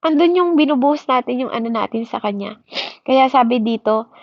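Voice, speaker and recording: Switching between Tagalog and English, this female preacher's sermon has her asking "di ba?" after almost every point. Her voice is a little high, expressive and a little fast, captured in a dry, slightly dull recording without echo.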